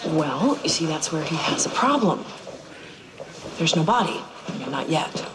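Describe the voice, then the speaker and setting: An actress playing a private investigator who talks in a brisk, teasing, quick-witted way. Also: female voice, deep voice, sing-song. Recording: TV drama audio with music score and background noise.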